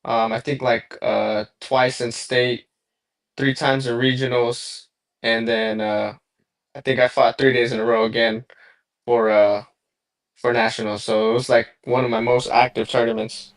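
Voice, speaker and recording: A young man from Southern California talks about his boxing past in an easygoing, meandering way. His voice sits at a medium pitch, and he fills pauses with ums and you-knows. The sound comes over a remote call. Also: flat delivery. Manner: laid-back, rambling with many fillers. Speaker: boxer guest. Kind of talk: casual interview.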